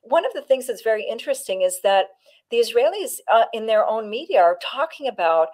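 A woman's voice: fairly high pitch, sing-song, a little fast, a little mellow. A woman from Canada, a former negotiator, giving a firm interview answer and stressing her key points. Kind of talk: political interview.

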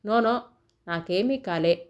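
A woman's voice: medium pitch, slow pace, darkish tone, natural voice. A woman voicing a young boy grandson in a storybook, sobbing and pleading as he talks. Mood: tearful. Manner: sobbing, pleading child talk.

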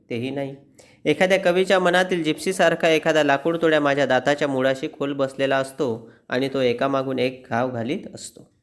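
A man giving an expressive, wry reading of a humorous essay, like a teacher reading a lesson text aloud. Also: on the high side. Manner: wry, self-mocking storytelling.

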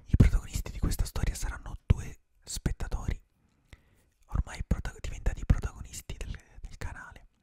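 An ASMR streamer, a young man, slowly whispers a fairy tale without voicing, leaving long, drawn-out pauses. He's in a small, dim room lit by colored string lights, using a close studio mic and wearing earphones.

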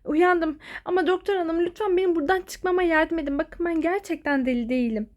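A woman's voice: very high voice, a little fast. A woman voicing a teenage girl shut in an asylum, protesting and pleading in an exasperated way.

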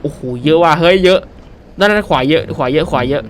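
Young man, brash gaming commentator: loud, excitable trash talk, high-pitched, over loud game music. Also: fast talker. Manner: loud, excitable, shouts and trash-talks at enemies. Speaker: gaming streamer.

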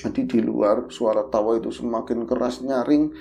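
A man, a podcast host casually retelling a horror story in a vivid, animated way. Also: medium pitch, moderate pace, vocal fry, slight background noise.

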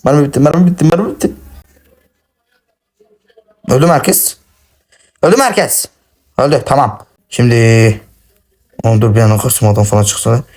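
A man giving excitable, cursing, self-mocking commentary while playing a shooter game on his phone. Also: mid-range voice, moderate pace, long pauses. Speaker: gaming channel host. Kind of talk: casual gameplay commentary.

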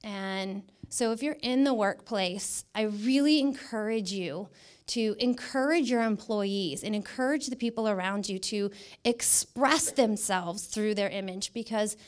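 On an indoor stage in a dark event room, a middle-aged American woman speaks unhurriedly in a mid-range voice into a handheld microphone. She's a guest speaker and image consultant giving a motivational talk, repeating words emphatically for stress.

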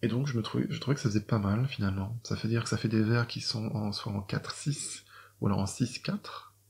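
A man's voice: on the low side, steady tone, a little fast, creaky, a little mellow. A middle-aged French man, a doctor and poet, explaining to viewers how he writes classic Chinese verse, hesitant with many fillers and restarts. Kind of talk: explaining poetry writing to viewers.

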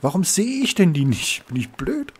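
A man's voice: fairly high pitch, sing-song, normal speed, a little mellow, breathy edge. A man commenting on his gameplay, exasperated and swearing, talking to his viewers. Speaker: let's play host.

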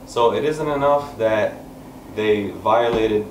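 Seated on a couch in a small room with his audience, a thirtysomething man at an open mic talks earnestly in a lowish voice, explaining things before launching into a poem. He gestures as he speaks and leaves many pauses, blending explanation with spoken word. The recording comes from a camera far away with no mic in sight, picking up room echo and background noise.

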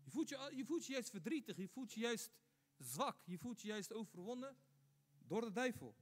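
A man's voice: very high-pitched, sing-song, normal speed. A man giving a Friday sermon as imam, asking rhetorical questions and repeating points for emphasis. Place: mosque. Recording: long hall reverb.

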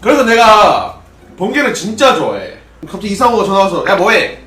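Roomy-sounding young Gyeongsang streamer. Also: male voice, sits high, sing-song, fairly quick, fairly bright tone, distant mic. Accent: Gyeongsang Korean. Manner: casual, rambling, answers chat questions. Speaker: streamer, former pro gamer. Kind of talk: solo drinking livestream chat. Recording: roomy livestream audio with faint music.

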